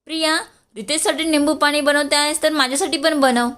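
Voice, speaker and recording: A cheerful, teasing elder brother in an audio story, as a woman narrator puts him on. The voice sits a little high and stays light and friendly. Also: fairly even intonation, fairly quick, a bit bright. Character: elder brother, a jovial grown man.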